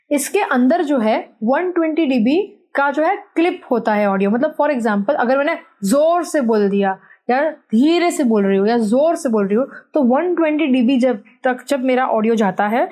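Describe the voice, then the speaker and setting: Young woman, high-pitched, casual product review vlog, explanatory, lapel mic. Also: darkish tone. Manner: chatty, explanatory, mixes English phrases into Hindi. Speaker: content creator reviewing a microphone. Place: indoor room with fan and AC running. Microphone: wireless lapel mic.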